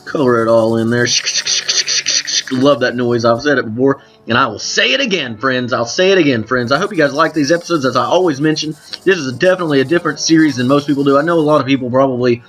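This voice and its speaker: A man's voice: medium pitch, fast, a bit bright, faint music behind. Chatty man rambling over a drawing game. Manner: rambling, self-correcting, chatty asides to viewers. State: voice cracking. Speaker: let's play host. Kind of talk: casual gameplay commentary.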